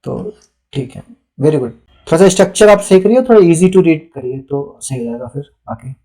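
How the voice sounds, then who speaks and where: A man's voice: on the high side, lively intonation, normal speed, dark tone. A young adult man, a teacher, giving live feedback on students' written answers and reading them aloud in a patient, instructive way. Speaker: teacher evaluating answer sheets.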